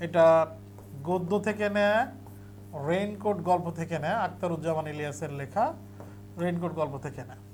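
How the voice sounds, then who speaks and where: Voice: mid-range voice, steady tone, a little fast, pauses often, a little mellow, slight background noise. A teacher giving an exam revision lecture, explaining step by step and repeating key points for emphasis.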